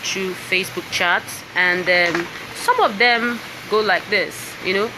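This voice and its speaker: This Nigerian singer and voice coach, showing her book to live-stream viewers, chats casually and keeps checking in with "you understand?" and "all right?". She speaks Nigerian English, unhurried and at medium pitch. A piano and laptop are with her indoors, and the background is noisy.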